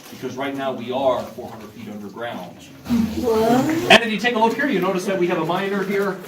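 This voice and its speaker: A man giving an explanatory, instructive guided tour commentary as a tour guide inside an underground mine tunnel. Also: fairly high pitch. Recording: echoey, distant, noisy tunnel recording.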